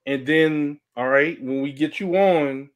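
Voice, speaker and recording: Male podcast host, laid-back and slangy, reads chat, slightly higher voice. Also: unhurried.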